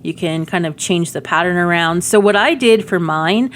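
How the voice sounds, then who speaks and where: A gaming video creator, a woman with a lowish voice speaking at normal speed, gives a chatty, informal game demo commentary, often thinking aloud as she goes.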